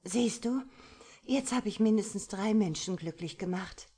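A woman voicing a flirtatious middle-aged woman who talks in a coquettish, teasing way, her voice lifted higher than her narration. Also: lively intonation, moderate pace, darkish tone, slightly rough, exaggerated voice. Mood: coy.

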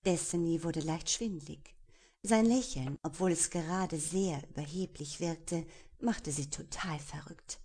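A woman narrating a romance audiobook with lively storytelling and hushed, drawn-out passages. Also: on the low side.

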